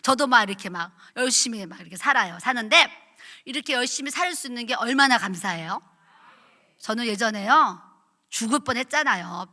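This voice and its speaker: A middle-aged woman pastor preaching at a revival, telling her own story in an animated, chatty way and acting out quotes. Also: a little high, fairly quick. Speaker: pastor, guest revival speaker. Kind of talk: sermon with personal testimony. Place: church sanctuary at a revival meeting. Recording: echoey church hall.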